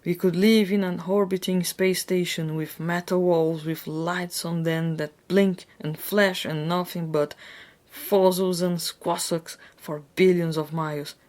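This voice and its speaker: A woman's voice: fairly low pitch, steady tone, unhurried, a little mellow, lightly acted. A woman voicing a smug, gleeful schoolboy brother in a theatrical, hammy storybook delivery. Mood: earnest, boastful.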